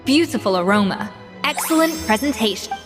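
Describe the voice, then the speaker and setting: Woman as an exacting, proud master chef, expressive. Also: fairly high pitch, a little fast, in a large hall, over music, natural voice. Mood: measured approval. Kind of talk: anime game voice acting.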